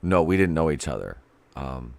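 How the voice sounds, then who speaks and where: A middle-aged man with a very low voice recounts an eerie experience in a relaxed, rambling way. He leans on fillers and acts out the lines of the people in the story. The sound is dry and close. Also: moderate pace, creaky, no echo. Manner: rambling, with many fillers and quoted dialogue. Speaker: guest. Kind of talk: casual storytelling chat.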